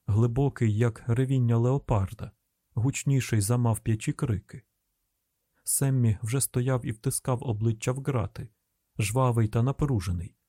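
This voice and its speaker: Dark-voiced male audiobook narrator. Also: medium pitch, dry recording, clean studio sound.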